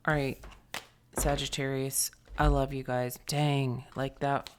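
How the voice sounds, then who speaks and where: A woman giving an intuitive tarot reading in a soft, meditative way, often sinking to a hushed near-whisper and pausing with fillers as she searches for words. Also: very deep voice, level tone, background noise. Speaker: tarot reader.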